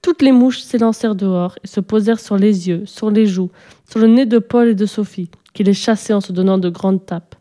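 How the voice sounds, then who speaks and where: Casting: a woman reading a children's storybook, warm and mellow, at a steady, even pace. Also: mid-range voice, normal speed. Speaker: narrator.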